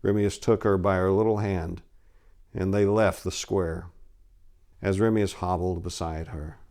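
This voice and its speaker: He speaks a little slowly in a low, steady, darkish voice. Addressing listeners as a storyteller, this narrator and story editor is theatrical and hammy, alternating dramatic narration with informal chat.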